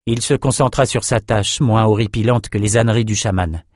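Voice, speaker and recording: A man narrating a fantasy audiobook in a measured, even storytelling manner. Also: lowish voice, no room sound, clean studio sound.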